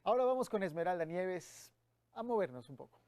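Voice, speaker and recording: Calm male educational announcer. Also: high voice, a little fast, over music. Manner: calm, instructive, addresses the child directly. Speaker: program announcer. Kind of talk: scripted educational voice-over.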